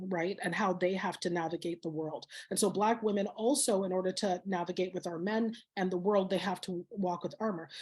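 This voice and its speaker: A woman's voice: medium pitch, darkish tone, slightly rough. A woman guest speaker from Canada, talking passionately and telling stories in an interview. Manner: passionate, storytelling, motivational. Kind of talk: interview conversation.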